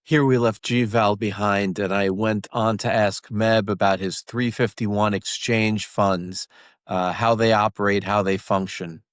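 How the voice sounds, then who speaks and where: Low-voiced host narrating, dry sound. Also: male voice, fairly even intonation, a little slow, no room sound. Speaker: podcast host. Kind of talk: scripted narration linking interview clips.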